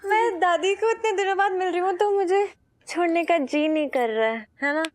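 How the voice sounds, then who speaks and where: A young actress in a TV sitcom playing a sly daughter who keeps covering up a trick. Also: female voice, very high voice, normal speed. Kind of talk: sitcom acting.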